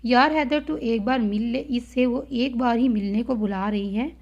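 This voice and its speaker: A woman's voice: fairly high pitch, moderate pace, a little mellow. A woman reading the lines of a young man who urges his friend in a storybook novel. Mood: urging. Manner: urging, persuasive. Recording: dull lo-fi audio.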